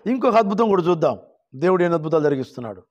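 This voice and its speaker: High-voiced male pastor preaching. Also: big pitch swings, highs cut off. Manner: calls for loud hallelujahs, rising to shouts; drawn-out quoting of scripture verses. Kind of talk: sermon.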